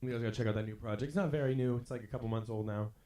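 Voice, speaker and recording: A man's voice: mid-range voice, racing, mellow. A laid-back man in a casual podcast chat, speaking into a poor microphone. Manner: laid-back, enthusiastic about music. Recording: roomy, echoey cheap mic.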